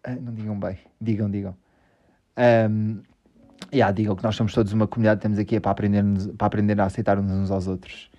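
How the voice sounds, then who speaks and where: A man's voice: lowish voice, flat delivery, quick pace, warm tone, highs cut off. A man with a European Portuguese accent hosting a casual podcast, rambling, joking at his own expense and swearing a lot. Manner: rambling, self-mocking, swears often. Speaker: podcast host.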